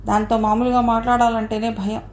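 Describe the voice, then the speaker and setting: A man's voice: extremely high pitch, flat delivery, a little fast. A woman reading a blunt young male hostel mate who talks in a cautioning way, with a roomy echo. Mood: warning. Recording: roomy echo, faint noise.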